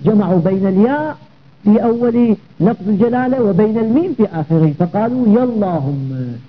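A man's voice: sits high, expressive, brisk, phone-quality sound. A man teaching a grammar lesson, explaining step by step and checking understanding with rhetorical questions.

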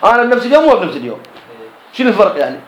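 A man's voice: sits high, sing-song, racing, echoey room, low-quality recording. A man with an Iraqi Arabic accent teaching a jurisprudence class, explaining a text line by line and posing questions he answers himself.

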